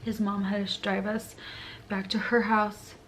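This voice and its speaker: A woman's voice: mid-range voice, flat delivery, unhurried, a bit bright, slight background noise. A young woman vlogger telling a painful personal story, tearful, her voice breaking and rising in distress. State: crying.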